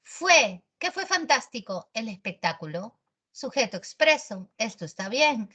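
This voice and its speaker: Woman teacher, slangy and teasing, online class, higher voice. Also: big pitch swings, measured pace, bright, forceful tone, slightly rough.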